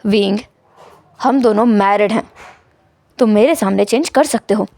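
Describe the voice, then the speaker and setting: A woman voicing a cold, possessive young husband who speaks in short, flat commands. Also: medium pitch, unhurried, vocal fry, no echo, pitched below the performer's own voice.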